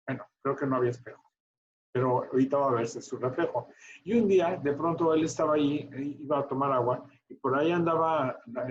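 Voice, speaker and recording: A man teaching a medical class, chatty and animated as he tells a story and quizzes students. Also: medium pitch, lo-fi sound, a little hiss or hum.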